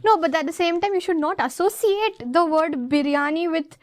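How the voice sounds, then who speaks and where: Young Indian woman panelist, high voice, assertive, dry close sound. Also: no room sound. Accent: Indian English. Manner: assertive, quick to argue back. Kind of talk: student panel discussion.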